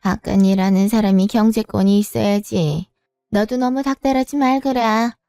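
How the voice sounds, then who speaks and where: A woman's voice: medium pitch, moderate pace, mellow, smooth, no room sound, faint music behind, close to an everyday voice. A woman voicing a reproachful, pushy middle-aged mother-in-law who talks down and scolds in a story reading. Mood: scolding.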